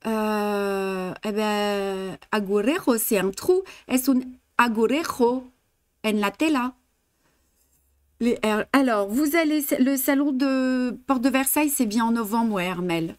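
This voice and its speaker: Slow, patient embroidery teacher, a woman. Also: fairly high pitch, no room sound. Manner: patient step-by-step instructions with many fillers; chatty, greets and answers viewers' comments. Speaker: embroidery teacher hosting a live stream. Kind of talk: live craft demonstration, switching languages.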